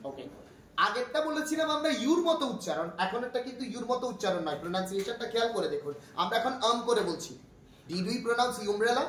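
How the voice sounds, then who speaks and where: A man's voice: very high-pitched, big pitch swings, fast talker, fairly bright tone. A man with a Bangladeshi accent teaching a classroom grammar lesson, patiently asking his class questions and repeating his points. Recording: echoey room from far off, faint noise.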